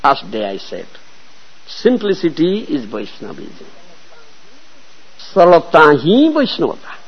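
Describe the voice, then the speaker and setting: A man's voice: fairly high pitch, wildly swooping pitch, a little slow, creaky, slightly rough, dull audio. A man giving a devotional sermon and telling a story, often repeating phrases and checking that listeners follow. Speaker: religious teacher.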